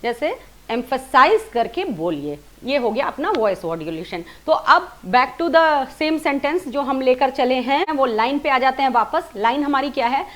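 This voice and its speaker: A woman with a high voice teaches presentation skills. She explains each point step by step and stops to demonstrate sample lines, leaning hard on the key words. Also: sing-song. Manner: demonstrates lines with stressed words and slow, measured delivery. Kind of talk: spoken lesson on presenting.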